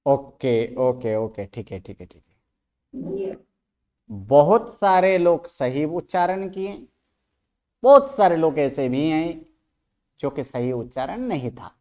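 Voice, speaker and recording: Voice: mid-range voice, very animated, slow pace, long pauses, mellow. A teacher giving an online language lesson, who keeps asking the class questions and repeats each sound aloud to drill pronunciation.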